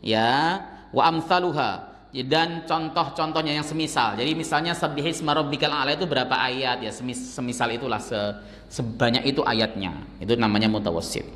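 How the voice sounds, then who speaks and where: In a mosque with a big-room sound, a middle-aged man teaches an Islamic study lecture in a fairly quick, mid-range voice with a bit of brightness. He keeps things conversational, teases his listeners in asides, and chants verses as examples.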